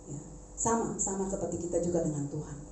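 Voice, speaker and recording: A woman preaching a sermon in a conversational, animated way, turning to the congregation with asides. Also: on the low side, fairly quick, a little hiss or hum. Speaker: preacher, schoolteacher. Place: church service. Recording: echoey church hall.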